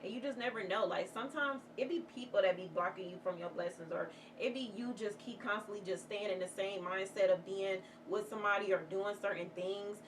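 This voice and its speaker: A woman's voice: mid-range voice, a little fast, few pauses. A woman vlogger chatting candidly while doing her makeup, rambling and heartfelt, swearing freely as she gives motivational talk. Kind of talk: casual get-ready-with-me chat. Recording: distant mic with clear background noise.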